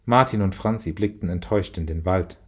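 A man narrating a children's story in a calm, even reading manner. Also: deep voice, brisk, husky.

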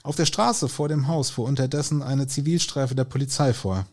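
A man's voice: mid-range voice, moderate pace, darkish tone. Man narrating an audiobook. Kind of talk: scripted narration.

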